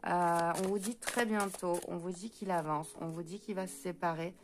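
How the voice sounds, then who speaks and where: A woman with a French accent doing a spoken card reading for viewers. She talks fast, trips over her words and fills pauses with hesitant sounds. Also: on the low side, fairly even intonation, noisy background. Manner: talks fast and stumbles, many hesitant fillers. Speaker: intuitive card reader.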